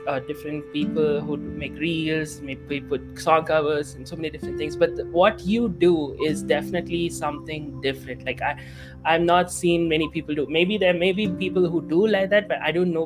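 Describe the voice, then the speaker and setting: Hesitant male podcast host. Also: a little high. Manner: hesitant, many fillers and restarts. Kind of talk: interview conversation.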